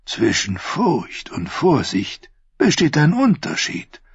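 A man voicing a weary, cautious old prince who speaks slowly and deliberately in an audiobook. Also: on the high side, wildly swooping pitch, slightly rough, dry recording, pitched above the performer's own voice, full character voice. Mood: weary, measured. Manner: slow, deliberate, reluctant speech. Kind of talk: audiobook character voice. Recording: dull lo-fi audio.

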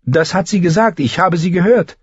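Guy doing a pushy young handmaiden, high and urgent, husky, dry dull recording. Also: moderate pace, no room sound. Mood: insistent. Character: insistent young female handmaiden.

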